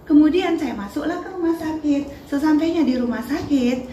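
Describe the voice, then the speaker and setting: A woman's voice: sits high, normal speed, mellow, echoey room, a little hiss or hum. A woman gives reporters a first-person account of a painful event. She acts out the dialogue as she retells it. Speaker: bereaved parent speaking to reporters.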